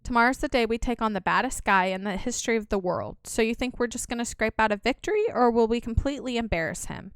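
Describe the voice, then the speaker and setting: A woman's voice: a little high, quick pace, few pauses, clear, resonant tone, dry recording, clean studio sound, lightly acted. A woman voicing a boastful, stubborn young man in a video game. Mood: bold. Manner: boastful, brusque. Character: cocky stubborn young male hero.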